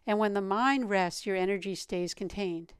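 Woman guiding a meditation, calm meditative tone, really smooth clear voice, dry close sound. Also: medium pitch, moderate pace, dry recording. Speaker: meditation teacher. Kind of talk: guided meditation instruction.

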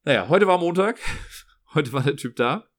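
A man's voice: fairly high pitch, expressive, normal speed. A man telling a casual vlog story, chatty, acting out dialogue and tagging lines with "ne?". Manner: chatty storyteller, acts out dialogue, frequent "ne?" tags. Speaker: after-school care worker. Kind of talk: casual personal vlog monologue.

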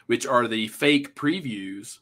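Bright-voiced podcast man telling stories. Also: medium pitch, slow. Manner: animated storyteller, laughs mid-sentence. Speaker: podcast co-host. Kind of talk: casual chat.

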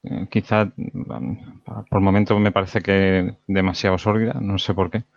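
A man's voice: low voice, little pitch movement, a little slow, gravelly, no echo, highs cut off. A man, talking about films in a laid-back, hesitant way with many fillers. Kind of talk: casual film discussion.

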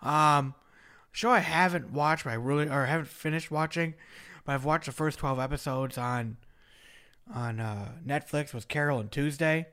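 A man's voice: on the high side, normal speed, a bit bright, smooth. A man hosting a casual podcast chat, rambling and trailing off with fillers as he talks about shows and releases. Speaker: podcast host.

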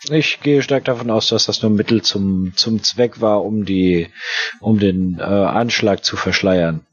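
A man playing a Victorian police detective inspector who talks haltingly, with many fillers and restarts. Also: fairly low pitch, fairly bright tone, breathy edge, lo-fi sound. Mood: earnest.

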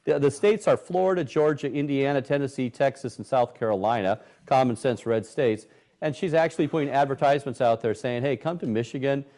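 Indignant middle-aged man, dark voice. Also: mid-range voice, brisk. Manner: indignant, animated, acts out quoted voices. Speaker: host. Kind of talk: conservative news talk. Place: Michigan.

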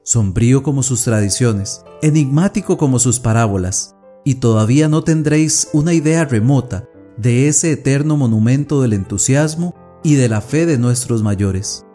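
A man narrating a classic tale as a scripted audiobook, reading in a measured, solemn way. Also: mid-range voice, dark tone.

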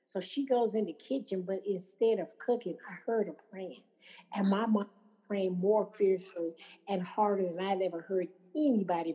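Woman with a dark, mellow voice. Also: mid-range voice, low-quality recording. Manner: storytelling, acting out quoted voices. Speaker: speaker telling her recovery story. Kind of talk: personal testimony to an audience.

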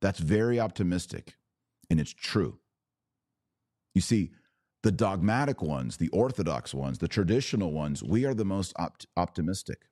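Taking questions from viewers, an American podcast host speaks with a low, warm voice in studio-quality audio free of room sound. His improvised religious commentary comes across as impassioned and preachy, emphatic and full of punchy phrases.

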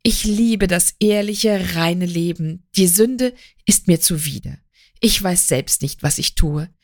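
A woman reading the part of a remorseful young wife, confessing in a slow, earnest, pleading way. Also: lowish voice, no echo, clean studio sound.

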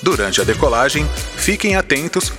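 A man's voice: medium pitch, sing-song, moderate pace. A man voicing an adult airline pilot making a formal cabin announcement from the cockpit, as a scripted podcast intro. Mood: announcing. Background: music.

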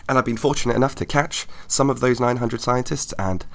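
A man with a croaky voice, hoarse from lots of talking, co-hosting a casual podcast chat. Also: mid-range voice, fairly quick, a bit bright. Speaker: podcast co-host, astrobiologist.

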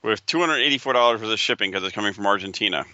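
Male co-host, lowish and very bright, pushing his opinions in casual banter, slightly dull dry audio. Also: very fast, no echo. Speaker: podcast co-host. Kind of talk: casual chat.

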